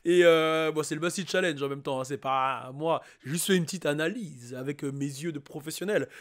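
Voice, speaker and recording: A man hosting a YouTube reaction video, talking casually and excitedly to his viewers with lots of fillers. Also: fairly high pitch, a little fast. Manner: excitable, hyped, chatty with many fillers.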